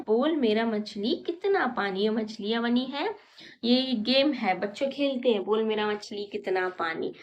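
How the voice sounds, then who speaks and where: Patient woman teacher for a young children's lesson, fairly high voice, lo-fi sound. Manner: patient, counting slowly and repeating questions.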